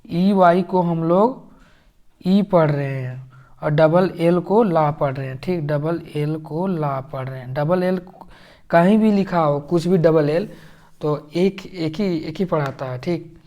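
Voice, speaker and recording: Slow guy teaching phonics, says each word over and over. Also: on the high side, mellow. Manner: slow, repetitive, drawn-out word sounding. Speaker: English teacher. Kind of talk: phonics lesson.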